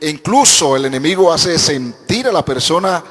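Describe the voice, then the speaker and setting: A pastor adding slow, measured remarks in agreement during a Bible study. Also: male voice, on the high side, expressive, fairly bright tone, husky. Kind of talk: sermon remarks. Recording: echoey hall.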